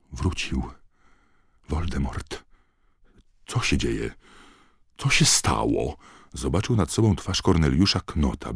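An audiobook narrator with a very deep, husky male voice reads a novel aloud in a measured, dramatic style. The scripted narration sounds dry and close, with no room sound at all.

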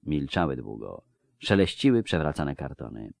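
A deep-voiced male narrator reads a fantasy novel with expressive, varied emphasis. His pitch swings lively across lines. The close mic leaves the sound dry, with no room behind it. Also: normal speed, vocal fry, no echo. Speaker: audiobook narrator. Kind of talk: scripted narration.

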